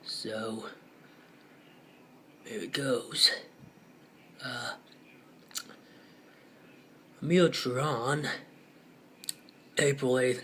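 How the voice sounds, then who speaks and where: Slow, halting man reading aloud. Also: mid-range voice, slight background noise. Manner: hesitant, halting, drops into soft muttered asides. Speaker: channel host. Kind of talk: casual reading aloud from a web page.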